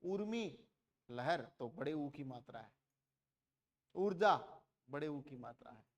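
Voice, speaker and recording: High-voiced male grammar teacher. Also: animated, slow. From India. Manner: asks students questions and answers them himself; repeats words to contrast vowel lengths. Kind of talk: classroom grammar lesson.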